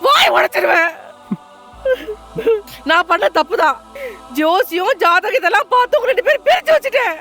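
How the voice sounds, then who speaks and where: A woman's voice: very high-pitched, very animated, moderate pace, long pauses, sharp tone, faint music behind, heavily acted. An actress playing a guilt-ridden middle-aged mother, tearful but fierce. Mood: remorseful. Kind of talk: film acting.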